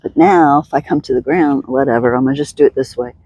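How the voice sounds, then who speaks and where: A stretching instructor talks her way through each move outdoors in the sun, upbeat and chatty, laughing often and thinking aloud. She speaks fast in an extremely low, mellow voice on a lo-fi recording.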